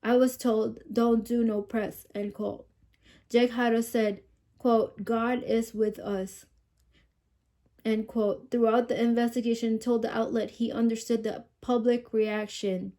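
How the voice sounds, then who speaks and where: This woman's voice is on the high side, even and dark, with an unhurried delivery. Sick and stuffy-nosed, she sniffles while chatting about a true-crime story, reading out news quotes and putting questions to viewers.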